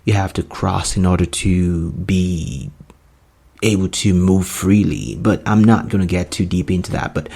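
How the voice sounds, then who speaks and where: A man's voice: sits low, measured pace, gravelly, warm tone, breathy edge. A man, hosting a solo podcast in an earnest, rambling way with many fillers. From Nigeria. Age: 20s. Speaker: podcast host.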